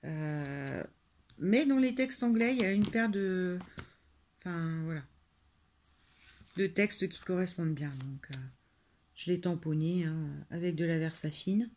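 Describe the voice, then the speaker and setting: With a lowish, darkish voice, this Frenchwoman talks through a card-making tutorial a little slowly, leaving long pauses. She rambles, pokes fun at herself, and fills gaps with lots of fillers, and there's slight background noise.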